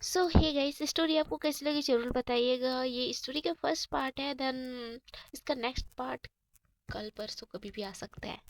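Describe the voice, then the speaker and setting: A woman's voice: high-pitched, normal speed, dry recording. A woman with a cold narrating a school love story in a chatty, casual way, mixing in English words and talking to her viewers. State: has a cold. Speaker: storyteller and channel host.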